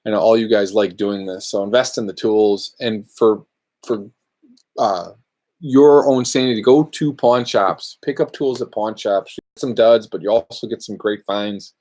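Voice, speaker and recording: Speaking from his workshop, a luthier podcast host chats loosely with viewers in a casual live Q&A stream. His voice sits a little low, and he talks at normal speed in a relaxed, rambling way, hopping from one comment to the next.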